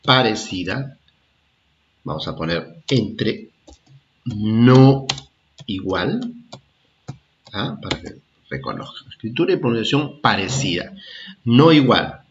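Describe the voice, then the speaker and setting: A fairly low-pitched man teaches children in a primary school lesson, his voice swinging widely in pitch; the highs are cut off and there's a little hiss or hum. He speaks slowly, repeating ideas and checking understanding with "¿ah?" and "¿de acuerdo?"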